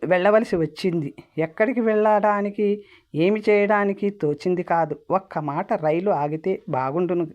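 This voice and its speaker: Female audiobook narrator, lowish voice, plain storyteller delivery, muffled lo-fi recording. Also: moderate pace. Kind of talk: storybook reading. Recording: dull lo-fi audio.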